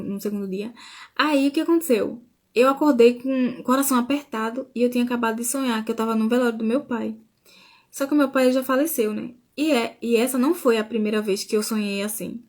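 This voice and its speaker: A woman's voice: a little high, a little mellow. A woman from Brazil, sharing a faith testimony in a casual live stream and often saying "né?". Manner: informal, with frequent restarts and "né?".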